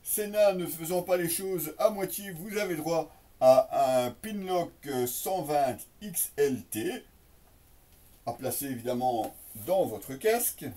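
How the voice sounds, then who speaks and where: Speaking directly to viewers, a product reviewer casually unboxes an item and explains as he goes, improvising and hesitating along the way. His voice is fairly high, animated and warm, the pace slow, and he sits far from the mic.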